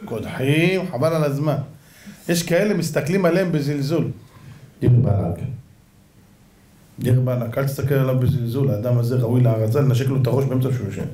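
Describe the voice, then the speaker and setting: In an echoey room, a rabbi delivers a spirited religious lecture to listeners, animating his stories and performing different characters' voices. His voice is warm and medium-pitched.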